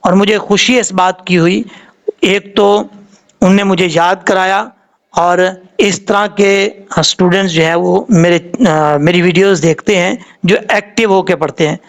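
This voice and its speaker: A man's voice: high voice, steady tone, a little slow, vocal fry. A man with a Pakistani Urdu accent teaching Quran reading, patiently drawing out letter sounds to show how they are said.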